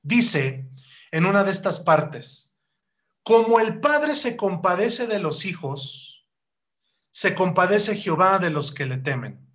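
High-pitched guy preaching, keeps asking the brothers questions, gets loud then slows way down to explain. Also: big pitch swings. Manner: rhetorical questions, keeps calling hearers "hermanos"; loud rising bursts, slow deliberate stretches when defining. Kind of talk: sermon teaching.

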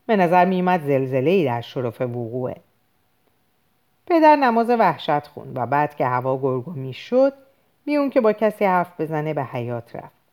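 Female audiobook reader, low voice, lively expressive delivery, dramatic literary narration.

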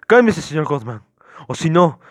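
A man's voice: a little high, very animated, normal speed, dry recording, voice pushed up. A man voicing a stern small-town police officer who questions a suspect in a firm, formal, commanding way.

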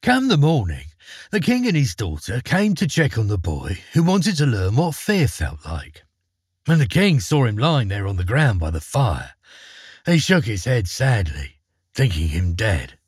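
A man narrating a fairy tale in an expressive, dramatic way. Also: fairly low pitch, measured pace, breathy edge, no echo, studio quality. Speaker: storyteller.

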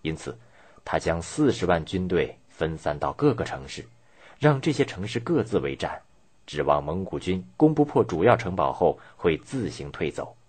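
A man delivers scripted documentary narration in a low register. His voice has a husky grain, and his intonation rises and falls widely as he tells the story in a measured, dramatic way. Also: very animated, a little mellow.

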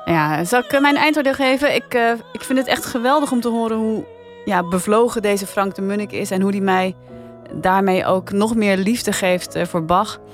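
A woman with a Netherlands Dutch accent hosts a podcast, chatting casually as she reviews. Her mid-range voice moves at a moderate pace over a music bed.

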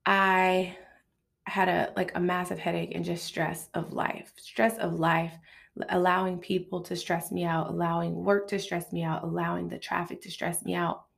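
A woman's voice: on the low side, level tone, normal speed, creaky. A woman in her late thirties hosting a casual, confiding solo podcast, recorded in a bathroom. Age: late 30s. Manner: informal, confiding, conversational. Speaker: podcast host.

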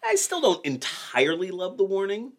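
A man's voice: high-pitched, wildly swooping pitch, moderate pace, a bit bright. A man in his forties hosting a podcast, telling a band's history in a wry, joking way. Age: 40s. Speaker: podcast host. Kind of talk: casual podcast chat.

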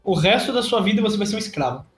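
A man with a Brazilian Portuguese accent hosts a loose podcast chat, putting dilemmas to his friends. His voice sits high for a man. The room is audibly echoey. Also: animated, racing, soft background music. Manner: reads out would-you-rather choices, laughs easily. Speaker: podcast host. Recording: roomy echo.

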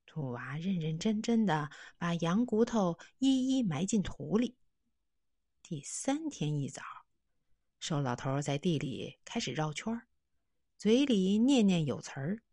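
A woman narrating a children's story in an expressive, animated way. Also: on the low side, measured pace, no room sound.

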